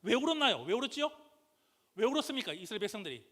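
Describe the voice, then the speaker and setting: A man preaching a sermon as pastor, questioning the congregation call-and-response style and rising to loud, impassioned outbursts. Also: high-pitched, very animated, very fast. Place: church sanctuary. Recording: church hall reverb.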